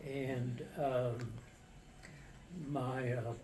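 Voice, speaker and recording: Older guy reminiscing, halting n matter of fact, pretty monotone, faint noise behind him. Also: mid-range voice. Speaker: war veteran recounting his service. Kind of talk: casual personal storytelling. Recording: distant mic with faint background noise.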